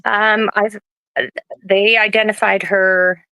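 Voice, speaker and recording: A nervous woman in her late twenties, an interview guest who talks in a halting way, with many restarts. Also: mid-range voice, flat delivery, sharp tone, smooth, no echo, low-quality recording. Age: 20s. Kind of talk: personal interview.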